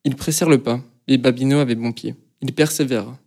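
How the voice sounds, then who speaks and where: A man with a mid-range voice narrates a novel as an audiobook reading, keeping a measured, steady storytelling pace.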